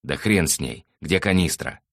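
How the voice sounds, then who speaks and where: A man's voice: extremely low pitch, expressive, moderate pace, dry recording, clean studio sound. A man reading an audiobook, voicing a coarse, bossy male thug who swears and barks orders. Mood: barking orders.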